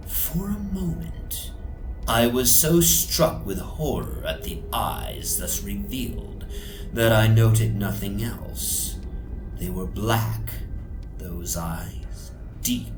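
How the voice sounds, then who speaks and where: Over a musical soundscape, a man with a lowish voice reads a horror story dramatically and suspensefully. He lingers on each phrase, often dropping into breathy whispers, and his voice echoes in a reverberant space.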